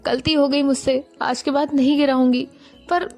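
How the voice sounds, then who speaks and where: A woman's voice: high-pitched, little pitch movement, normal speed, darkish tone. A woman voicing a flustered young woman who stammers and pleads. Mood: pleading.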